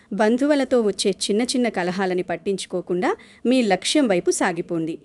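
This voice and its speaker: A woman narrating scripted astrology advice in an earnest, steady, advising manner. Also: mid-range voice.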